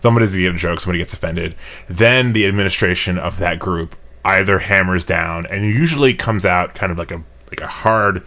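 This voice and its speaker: Low-pitched male co-host, loose rambling delivery, self-deprecating. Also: fairly quick, bright, forceful tone. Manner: rambling, self-deprecating, trails off mid-thought. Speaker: podcast co-host. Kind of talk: casual chat.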